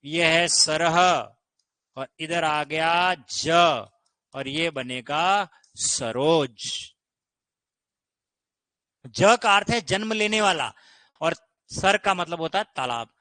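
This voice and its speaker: A man's voice: fairly high pitch, drawn-out words, pauses often, bright, forceful tone, no room sound. A man teaching grammar in an online exam-prep lesson, explaining patiently and often checking that students follow. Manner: explains patiently, keeps asking "ठीक है?".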